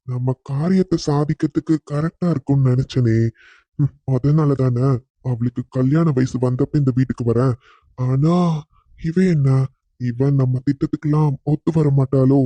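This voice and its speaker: A man's voice: medium pitch, steady tone, moderate pace, mellow, dry recording, close to an everyday voice. A man voicing a scheming middle-aged uncle in a cartoon, who talks in a coaxing, insistent way. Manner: coaxing, insistent, turns menacing when alone. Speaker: maternal uncle character.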